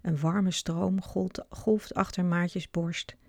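A woman reads a children's book aloud in a clear, expressive way. Her voice is low and gravelly, and the recording is close and dry. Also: slow pace, no room sound. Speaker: storyteller.

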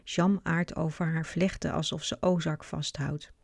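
Woman reading a children's book aloud, expressive, low pitch, gravelly, dry close sound. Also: measured pace, dry recording. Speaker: storyteller.

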